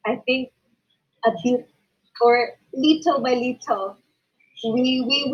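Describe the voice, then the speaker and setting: A hoarse woman with a Filipino accent, a teacher sharing her experience on a video call, speaking haltingly with many fillers. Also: a little high. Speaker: teacher sharing in an online course. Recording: dull lo-fi video call audio.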